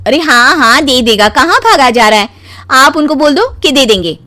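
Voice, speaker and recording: A woman voicing a demanding, nagging young wife in an animated story, with a pushy, complaining manner. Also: high voice, normal speed. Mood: casual, persuasive.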